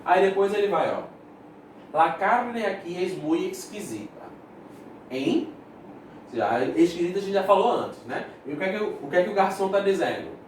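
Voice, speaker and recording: A man's voice: high-pitched, expressive, a little fast, darkish tone. A male Spanish teacher, giving a recorded school lesson and explaining words step by step while checking in with his students. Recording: echoey room, voice from a distance, faint noise.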